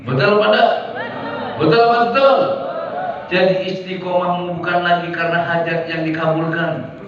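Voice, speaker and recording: High-voiced man preaching in an echoey hall. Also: level tone, moderate pace, noisy background. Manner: rhetorical call-and-response, asking the crowd to agree. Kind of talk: sermon to a congregation. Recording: echoey hall, distant mic, dull sound.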